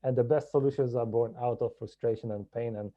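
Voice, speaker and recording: A man from Hungary, a podcast guest telling his story in a measured, reflective way. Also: mid-range voice, steady tone, highs cut off. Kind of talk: podcast interview.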